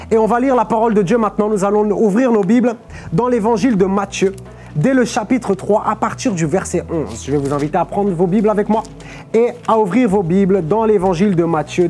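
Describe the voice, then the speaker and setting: A young adult preacher from Portugal teaches a sermon on a live stream, speaking from a lectern on a studio stage over faint background music. His voice is high, mellow and calm. He explains with patience, peppering his phrases with "ok?" and "amen."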